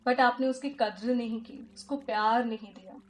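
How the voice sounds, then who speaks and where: A woman teacher guiding an inner-child healing meditation in a soft, emotive way that often drops to a hush. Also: a little high, fairly even intonation, normal speed, soft background music. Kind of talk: guided meditation.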